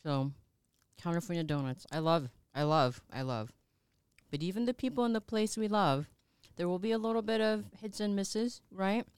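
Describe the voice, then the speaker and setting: A woman's voice: on the low side, moderate pace, darkish tone, clear, resonant tone, no room sound, studio quality. A woman co-hosting a podcast, chatting playfully about food. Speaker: podcast co-host. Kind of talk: casual chat.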